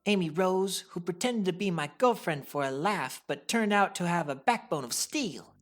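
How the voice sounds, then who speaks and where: A woman's voice: lowish voice, expressive, moderate pace. A woman playing a cocky young male hedgehog hero, narrating a comic dub with casual, wry asides. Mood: casual boasting.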